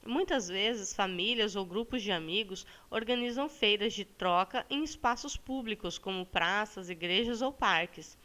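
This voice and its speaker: A woman teacher with a Brazilian accent, walking students through a lesson with patience. She stretches words slowly to show the stressed syllable and often checks in with "tá bom?". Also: medium pitch, bright, forceful tone. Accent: Brazilian Portuguese. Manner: ends phrases with a checking "tá bom?". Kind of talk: recorded classroom lesson for students.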